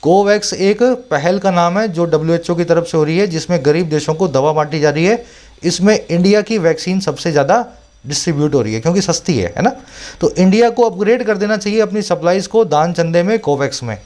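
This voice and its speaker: Speaking in a high-pitched voice with a darkish tone, this male tutor reads English passages slowly while covering vocabulary and grammar for exam students. He uses Hindi mixed with English terms and often checks, rhetorically, whether they are keeping up.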